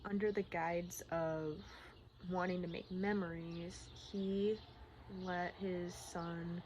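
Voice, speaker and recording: A woman talking candidly in a personal vlog, in a rambling, halting, casual way, often repeating herself. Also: lowish voice. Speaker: personal vlogger. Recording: clearly noisy outdoor-like ambience, birdsong. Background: birdsong and environmental noise.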